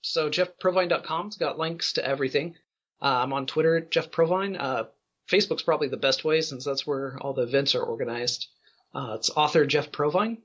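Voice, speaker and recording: Male interview guest, husky and easygoing, heard over a dull lo-fi line. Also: fairly high pitch, fairly quick, a bit bright. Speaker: guest, ghost tour guide. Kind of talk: casual interview answers.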